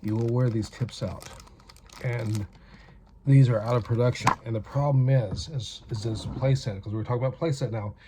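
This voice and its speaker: A man's voice: medium pitch, fairly even intonation, moderate pace, noisy background. A man from North America giving a rambling, chatty hands-on toy review with self-aware asides.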